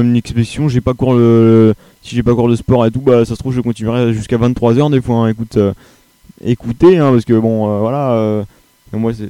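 Hesitant young French radio host. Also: male voice, fairly low pitch, warm tone, clear, resonant tone, no echo. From Paris region, France. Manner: hesitant, many fillers and restarts. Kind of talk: casual live radio chat.

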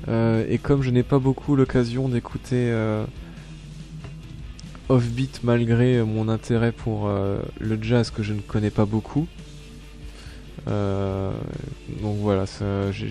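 A man's voice: fairly low pitch, level tone, a little slow, mellow, soft background music. Hesitant man hosting a casual radio show. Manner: hesitant, many filler sounds and restarts. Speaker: web radio host. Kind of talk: casual live radio chat between songs.

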